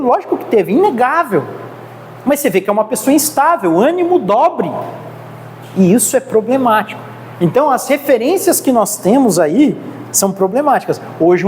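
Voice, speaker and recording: Brazilian lady lecturing a church class, lively up-and-down voice, mellow tone, reverby hall w/ faint hiss. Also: on the high side. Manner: earnest, exhorting, keeps addressing the class as brothers. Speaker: theology teacher.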